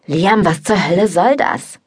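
Woman putting on a grumpy young man, spoiled, scolding, husky, low. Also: measured pace. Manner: grumbling, scolding. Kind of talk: audiobook dialogue.

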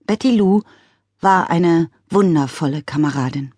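A woman voicing a dry-witted young girl in an audiobook story, speaking deadpan and consoling. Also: sits low, unhurried, slightly rough, no room sound.

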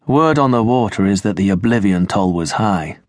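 A man's voice: fairly low pitch, lively intonation, normal speed, no echo, clean studio sound, lightly acted. A man voicing a loyal male vampire comrade who speaks steadily and reassuringly, in an audiobook. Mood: grave. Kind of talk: audiobook character voice.

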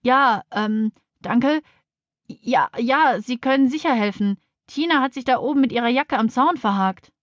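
Woman as anxious teacher, raised pitch, alarmed and fussing, children's storybook. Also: unhurried, no echo, natural voice. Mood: flustered. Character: flustered, anxious female schoolteacher.

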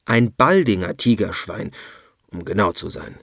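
A male audiobook narrator voicing a good-natured old grandfather who talks in a gruff, unhurried grumble. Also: deep voice, animated, fairly bright tone, no room sound, studio quality, exaggerated voice. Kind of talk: audiobook character voice.

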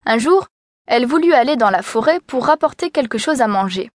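Expressive woman reading a children's story. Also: a little high, a little fast, no room sound. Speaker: audiobook narrator.

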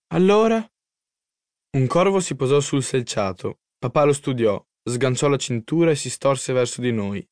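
A man from Italy narrating his own memoir as an audiobook, telling the story in a lively, expressive way. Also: medium pitch, dry recording, clean studio sound. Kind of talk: first-person audiobook narration.

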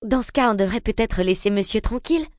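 Lady doing a shy young girl, soft, a bit higher, dry close sound. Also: normal speed, no room sound, lightly acted. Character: shy tall young woman.

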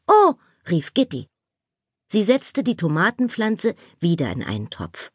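A woman narrating a children's audiobook with slow, expressive reading. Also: fairly low pitch, husky, no echo, clean studio sound.

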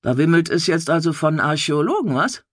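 Brief: gruff middle-aged cop, husky and curt, put on by a woman narrator. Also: on the high side, sing-song, fairly quick, no echo, clean studio sound. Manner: grumbling, curt. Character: gruff brusque middle-aged male police chief.

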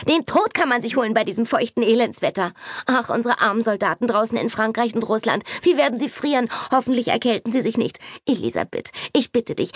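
A woman's voice: dry recording, studio quality. Woman doing a gushing, chattering young lady. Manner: breathless, gushing, high-pitched. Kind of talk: audiobook character voice.

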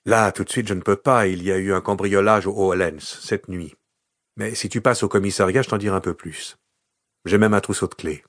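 A man voicing a calm, matter-of-fact male police colleague in audiobook dialogue. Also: low voice, a little fast, no room sound, clean studio sound.

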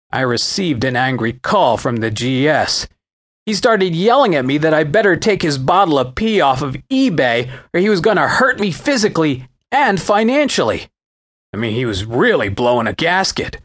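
A man narrating his own memoir as an audiobook, telling the story in a wry, animated way. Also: fairly high pitch.

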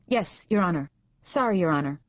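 A woman's voice: on the low side, animated, fairly quick, no echo, voice pushed up. A woman voicing an eager, nervous young female lawyer in an audiobook, with a dull, dry studio sound.

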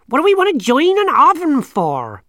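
A man's voice: huge pitch swings, moderate pace, a bit bright, dry recording, studio quality, exaggerated voice. A man reading a storybook, voicing a cheerful, befuddled old witch woman who is a little hard of hearing. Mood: confused. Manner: shrill, happy and befuddled.

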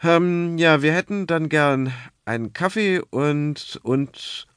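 A man's voice: fairly high pitch, takes it slowly, a bit bright, clean tone, dry recording, studio quality, voice pushed up. A man voicing a mild father who stumbles a little while ordering at a snack stand. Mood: hesitant. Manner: hesitant, stumbling. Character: mild hesitant father on a family trip.

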